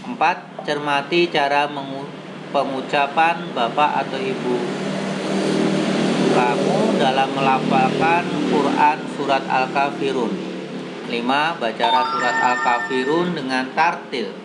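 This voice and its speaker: A man's voice: medium pitch, a little slow. A man teaching a Quran reading lesson, explaining patiently and chanting the verses in a melodic recitation. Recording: audible background noise.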